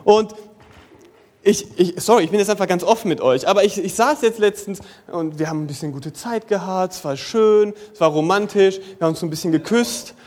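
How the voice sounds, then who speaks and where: A young man preaching a sermon in a casual, youthful way, dropping in English slang and moving between lively bursts and soft, slow passages. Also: high-pitched. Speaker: pastor.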